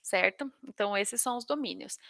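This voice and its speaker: A woman's voice: mid-range voice, a little fast, fairly bright tone, no room sound. A Brazilian woman with a slight tongue-tied lisp, teaching an informal biology lesson to exam students and stumbling over technical terms.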